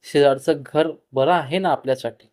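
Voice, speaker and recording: A man voicing a quiet, reserved young man who speaks carefully and hesitantly. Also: fairly high pitch, moderate pace, natural voice. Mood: earnest.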